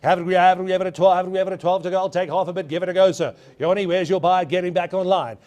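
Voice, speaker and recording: A man's voice: high voice, steady tone, quick pace, a little mellow. A man working as a live auctioneer, calling bids in a repetitive, emphatic chant. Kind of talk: live auction bid calling and lot presenting. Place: auction studio with bidders on the floor.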